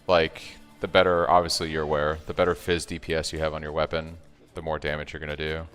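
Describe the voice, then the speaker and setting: Speaking fast in a very deep, slightly bright voice with little pitch movement, a man streams a game and chats casually, thinking out loud while responding to chat in a soothing way. Faint music plays behind him, and the sound carries long reverb.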